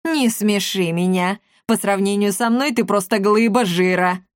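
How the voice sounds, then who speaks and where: A woman's voice: medium pitch, unhurried, no echo, studio quality, natural voice. A woman voicing a tiny, spiteful old woman who screeches and scolds everyone about her diet. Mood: scolding.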